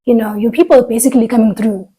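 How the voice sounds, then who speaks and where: Husky woman chatting. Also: a little high, rapid-fire, dark tone, rough recording. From southern Africa, living in South Africa. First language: a southern African language. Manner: thoughtful, trails off and restarts mid-thought. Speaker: podcast co-host. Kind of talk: casual chat.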